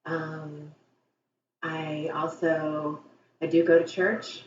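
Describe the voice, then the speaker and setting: A low-pitched woman answers candidly, reflecting as she goes. Her voice has been re-recorded off a television speaker, so it sounds faraway and echoey. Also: flat delivery, very slow, a little hiss or hum. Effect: re-recorded through a TV speaker. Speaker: interviewee. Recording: echoey, dull, distant TV re-recording.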